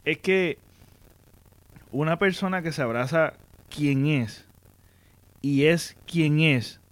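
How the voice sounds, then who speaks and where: A man's voice: fairly high pitch, slow pace, no echo. A man hosting a casual podcast conversation, speaking earnestly and supportively as he searches for words.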